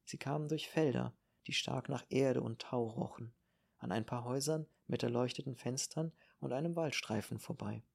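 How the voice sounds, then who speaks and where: Gravelly male audiobook narrator. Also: mid-range voice. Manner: calm, measured reading. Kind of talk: scripted narration.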